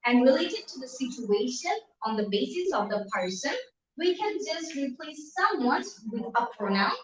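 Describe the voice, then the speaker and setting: High-voiced woman teaching, echoey distant mic. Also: big pitch swings. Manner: switches between Bengali and slow deliberate English. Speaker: online English teacher. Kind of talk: live-streamed language lesson. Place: room at home.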